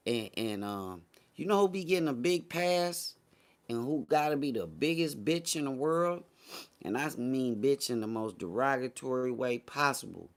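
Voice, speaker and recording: An American morning show host chats casually and without a script, blunt and opinionated, using slangy phrasing and lots of swearing. His medium-pitched voice is expressive and moves at a moderate pace.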